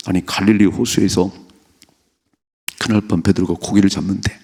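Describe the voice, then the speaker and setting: A middle-aged male pastor preaching at a dawn prayer service, telling Bible stories with lively acted-out lines. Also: deep voice, normal speed, breathy edge. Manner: animated storytelling, acting out characters' lines. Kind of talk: early-morning prayer sermon.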